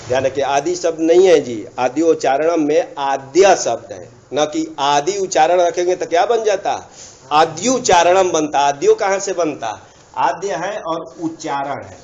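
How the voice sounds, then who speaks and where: A man's voice: a little high, animated, moderate pace, darkish tone. Man teaching grammar, lo-fi. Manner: repetitive, checks understanding with asides. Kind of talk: explanatory grammar lesson. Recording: dull lo-fi recording.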